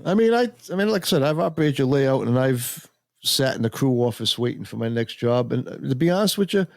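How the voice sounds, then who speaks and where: A man chiming in on a casual podcast with quick, jokey asides. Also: medium pitch, lively intonation, vocal fry, dry recording.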